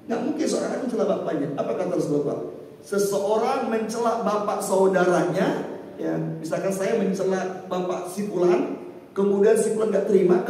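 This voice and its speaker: A male preacher with a high, mellow voice gives an evening lecture in a mosque, reciting Arabic verses between his explanations. He is picked up from a distance, and his voice rings through a large, very echoey hall with a long reverb tail. Faint background noise sits under the recording. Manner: addresses listeners as "Pak" constantly, recites Arabic verses. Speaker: Islamic preacher.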